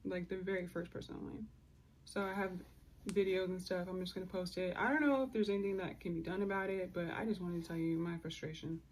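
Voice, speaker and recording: A woman's voice: fairly low pitch, steady tone, fast, darkish tone, slight background noise, low-quality recording. A tired woman rambling sadly through a casual rant with many fillers, close to mumbling. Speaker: upset customer posting a video.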